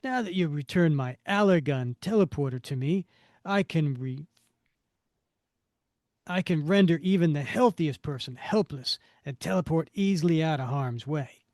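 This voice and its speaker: A man's voice: fairly high pitch, expressive, normal speed, darkish tone, dry recording, clean studio sound, close to an everyday voice. A man voicing a gloating asthma monster villain with grandiose, theatrical speech.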